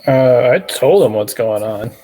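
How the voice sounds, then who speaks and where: A male player at a tabletop role-playing game with a medium-pitched voice. He talks casually, slipping between his character's words and plain table talk. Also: expressive, measured pace, mellow, poor audio.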